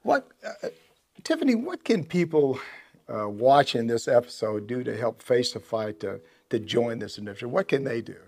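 An older man hosting an interview, talking in a halting way with many repeated words. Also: mid-range voice, very animated, creaky, a little mellow. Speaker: podcast host. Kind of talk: casual interview.

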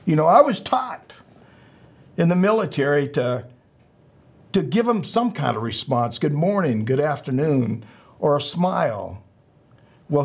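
Wrapping up the show, the middle-aged podcast host, a military veteran, speaks haltingly and earnestly as he encourages his audience. His voice is husky and on the high side.

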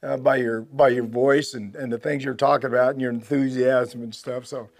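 An older man hosting an interview, talking in a halting way with many repeated words. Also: medium pitch, level tone, no room sound. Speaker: podcast host. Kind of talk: casual interview.

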